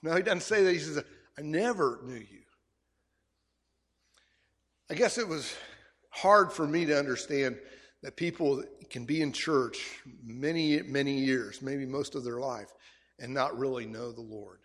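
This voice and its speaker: Middle-aged male pastor, husky tone, animated sermon delivery, reverberant sanctuary. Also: mid-range voice, moderate pace. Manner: animated storytelling, repeats words when excited. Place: church sanctuary. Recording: long reverb of a church hall.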